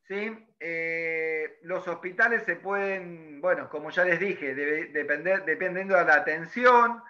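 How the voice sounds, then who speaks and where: In a dull, muffled lo-fi recording, a male teacher gives a class lecture, explaining things and often checking on his students with "¿sí?". His voice sits on the high side, bright and pushed, and he speaks a little slowly.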